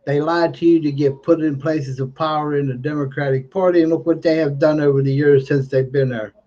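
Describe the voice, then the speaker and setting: A toothless man, still learning to talk without teeth, speaks in a mellow, slightly slurred voice that's fairly high, steady, and a little fast. He's a livestreamer delivering unscripted political commentary, emphatic and repeating phrases. The stream audio is dull and lo-fi.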